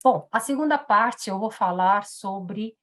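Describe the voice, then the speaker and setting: A woman's voice: mid-range voice, takes it slowly. A woman, giving a live seminar talk on business etiquette, chatty, with many fillers and tag questions. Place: in Japan.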